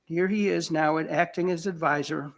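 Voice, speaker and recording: A man's voice: on the high side, steady tone, moderate pace. A man preaching a sermon as pastor, in a conversational way with chuckles and self-corrections.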